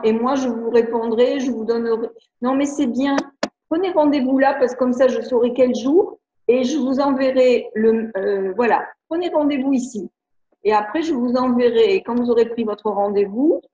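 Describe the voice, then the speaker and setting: Woman, French accent, chatty and halting, webinar host, roomy dull video-call sound. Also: fairly high pitch, warm tone, slight background noise. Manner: hesitant, many restarts and fillers, chatty. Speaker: educator hosting a webinar. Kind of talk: live video-conference talk, reading viewer questions. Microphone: computer mic on video call.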